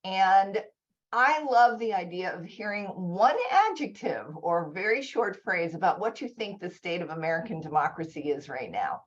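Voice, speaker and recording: A woman leads an online conference session in an informal, enthusiastic way, talking in quick bursts. Her voice sits a bit low for a woman. The call audio is dull and lo-fi. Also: expressive. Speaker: session presenter. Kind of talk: conference talk over video call. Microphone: video call.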